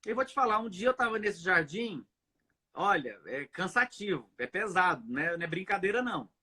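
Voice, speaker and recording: Earnest bright-voiced Brazilian pastor. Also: male voice, high voice, very animated, moderate pace, breathy edge. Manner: earnest, repetitive, asks "né?" often. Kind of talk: testimony in a live video chat.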